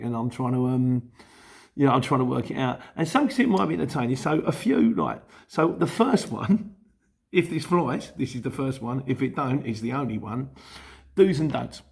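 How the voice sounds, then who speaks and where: Man, middle-aged, Cockney-influenced London accent, mid-pitched voice, casual vlog explainer, chatty, meandering, self-correcting. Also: gravelly, a little mellow. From Luton, England. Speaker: YouTube host and courier driver.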